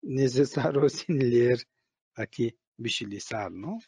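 A man, not a native Spanish speaker, with a foreign accent, leading guided meditation as a teacher in halting, broken phrasing. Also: mid-range voice, lively intonation, dark tone, slightly rough, dry recording. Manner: halting, broken grammar, often tags phrases with a questioning "no?".

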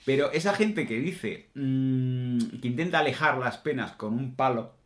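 A man in a casual podcast chat, expressive and quick to laugh. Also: mid-range voice. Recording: echoey room.

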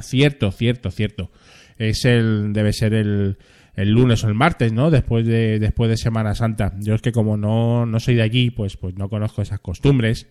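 A man's voice: medium pitch, darkish tone. A man hosting a casual live stream, reading chat messages aloud and rambling in a chatty way with frequent questioning tags. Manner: rambling, chatty, ends phrases with a questioning tag.

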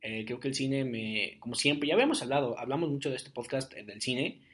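A young man talks alone into his podcast mic. He rambles in a loose, chatty way and fills his talk with fillers. His voice sits at an ordinary middle pitch. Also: a little fast, fairly bright tone. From Jalisco, Mexico. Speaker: podcast host. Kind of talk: casual solo podcast monologue.

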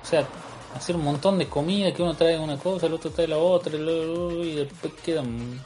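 A man in a casual chat, talking with many pauses and restarts. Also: on the high side, dark tone. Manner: hesitant, many restarts and fillers.

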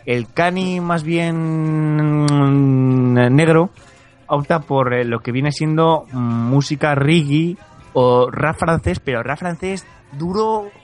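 A man's voice: a little high, takes it slowly, soft background music. A man from Spain hosting a comedic chat segment, rambling and joking with frequent laughter. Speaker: podcast segment host.

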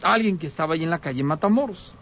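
High-voiced man telling a ghost story. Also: lively intonation, fast talker, muffled recording. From Aguascalientes, Mexico. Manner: dramatic storyteller, repeats key points, speaks to listeners directly. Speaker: radio host taking calls. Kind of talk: telling a paranormal story on radio.

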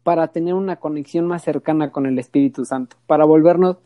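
A woman's voice: sits low, fast, no echo, phone-quality sound. A woman hosting a podcast, asking earnest questions of her guest. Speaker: podcast host.

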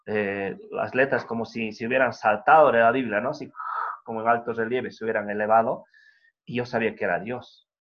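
A man preaching a sermon in an earnest, conversational way, often adding tag questions. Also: medium pitch. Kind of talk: sermon over video call. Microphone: video call. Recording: dull lo-fi video call audio.

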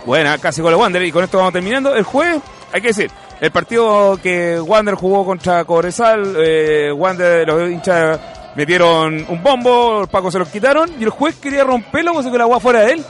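Chilean male host, high pitch, jokey street-radio chatter, faint music underneath. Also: fairly quick. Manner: jokey, excitable, calls goals in bursts. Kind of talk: casual street radio chat with play-by-play commentary.

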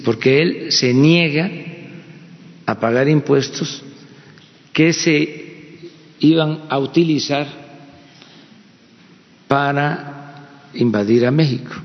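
Mexican man, president at a press conference, very slow halting delivery, gravelly voice, long hall reverb on a dull lo-fi recording. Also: mid-range voice. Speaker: president answering press questions.

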